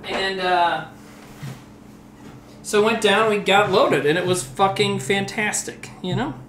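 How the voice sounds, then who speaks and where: Cooking on stream, a fortysomething comedian, a bit tipsy on rum, meanders through a casual story, laughing and cursing along the way. He takes it slowly, his fairly high voice a bit bright, in an echoey room with faint background noise.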